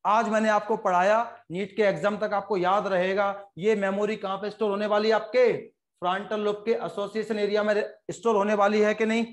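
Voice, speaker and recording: A high-pitched man with an Indian accent lectures a biology class. He talks quickly and jokes with his students, slipping into short voices for his stories. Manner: joking, animated, fast-talking lecturer who puts on quick voices for stories. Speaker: biology teacher.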